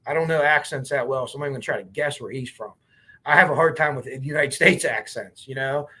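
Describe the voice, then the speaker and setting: Speaking fast in a mid-range voice that sounds pushed, bright and slightly rough, a true crime show host with a Pittsburgh accent reads court papers casually on his livestream. He's blunt and talkative, curses, and addresses both his viewers and the chat.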